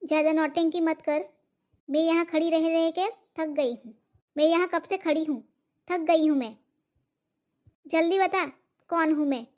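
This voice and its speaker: A woman voicing a young cartoon bride with a very high, thin voice. She frets and complains about how things are going. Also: a little slow, long pauses, darkish tone, lo-fi sound. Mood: impatient. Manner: worried, complaining. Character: young bride, nervous then impatient. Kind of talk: cartoon comedy voice acting.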